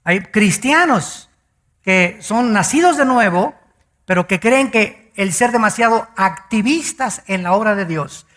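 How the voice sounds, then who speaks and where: A male pastor preaching a sermon emphatically, drawing out key words slowly and telling the congregation to write things down. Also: high voice, lively intonation, a bit bright. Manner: addresses the congregation directly, asking them to note things down.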